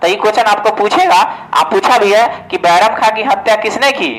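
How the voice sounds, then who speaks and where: The audio is poor, but the man's voice comes through high-pitched, brisk, and fairly bright. An exam coaching teacher, he gives a casual exam-oriented history lesson, answering his own questions and often using "ठीक है".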